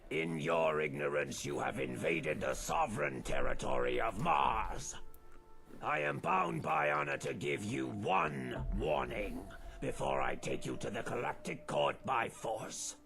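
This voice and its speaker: An actor playing a theatrical ghoul man in a video game, with a raspy voice and a grandiose way of talking. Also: medium pitch, very animated, measured pace, music in the background, heavily acted. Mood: pompous, menacing. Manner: grandiose and theatrical, dropping into weary plain talk. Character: theatrical ghoul man posing as pompous alien interloper-hunter. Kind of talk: video game character dialogue.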